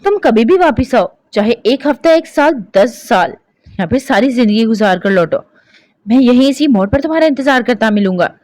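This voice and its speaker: Lady doing a devoted young guy pleading, earnest and firm, highish voice. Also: lively intonation, moderate pace, long pauses, darkish tone, dry recording, close to an everyday voice.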